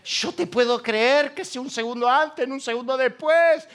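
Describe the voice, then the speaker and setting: A male pastor preaching a sermon, telling a story with strong emotion, going from hushed to loud. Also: extremely high pitch, normal speed.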